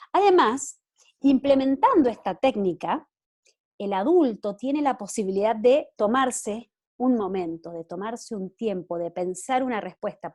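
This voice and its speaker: A woman's voice: mid-range voice, dark tone. A woman giving an explanatory talk at a parenting workshop, earnest and often checking in with her listeners.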